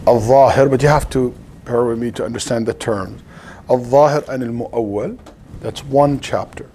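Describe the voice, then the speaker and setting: A man with an Arabic accent, an Islamic lecturer, teaches an interactive religious lesson in a live class at an Islamic center. He explains things didactically and asks questions to check understanding, in a mid-range, mellow voice at normal speed. The live room recording is clearly noisy.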